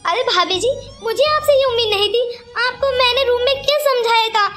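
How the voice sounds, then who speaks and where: A woman's voice: very high-pitched, fairly quick, faint music behind. A woman voicing a protective young man. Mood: firm. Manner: firm, reassuring, sometimes shouting. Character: young man, the brother-in-law, protective and kind.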